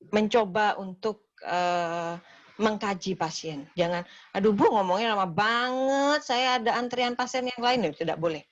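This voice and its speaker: A woman lecturing nursing students in a classroom, explaining calmly and acting out short nurse-patient dialogues. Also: medium pitch, lo-fi sound.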